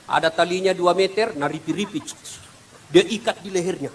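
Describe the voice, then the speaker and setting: A man preaching a humorous sermon to a big outdoor crowd, animated and jokey, acting out scenes with voices. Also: sits high, moderate pace, noisy background. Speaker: Islamic preacher. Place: outdoor field gathering.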